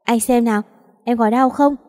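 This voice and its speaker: A woman's voice: a little high, fairly even intonation, normal speed, close to an everyday voice. Woman voicing a kind little boy. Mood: gentle. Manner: gentle, reassuring. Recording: long reverb.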